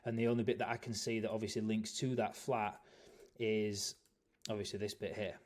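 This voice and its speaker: A man's voice: lowish voice, flat delivery, moderate pace, a little mellow. A man giving casual, rambling chart analysis, leaning on "obviously" and correcting himself as he goes. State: yawning, tired. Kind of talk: casual market analysis video.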